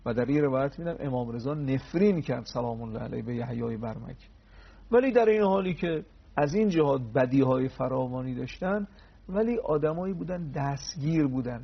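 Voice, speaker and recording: A man's voice: mid-range voice, creaky, breathy edge, dull audio. A man giving a religious talk on a TV program. He tells old stories, acts out the dialogue, and adds pious honorifics along the way.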